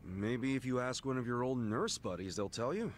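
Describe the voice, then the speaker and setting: Game role: brash but loyal man played by an actor, medium pitch, animated intonation. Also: moderate pace, faint music behind, lightly acted. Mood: encouraging. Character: brash, loyal adult street guy, blunt and friendly. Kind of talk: English video game drama acting.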